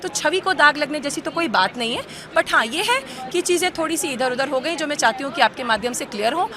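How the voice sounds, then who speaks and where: A woman representing a university, giving a measured, explanatory statement to the press at an event. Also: high voice, expressive. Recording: noisy crowd around.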